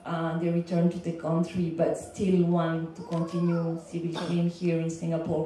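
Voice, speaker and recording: Speaking on a panel in an indoor lecture room, this hesitant Belgian legal consultant delivers semi-prepared remarks in a warm voice pitched on the low side. Her handheld mic isn't what captures her; a distant camera does, leaving the sound echoey, far off, and touched by faint background noise.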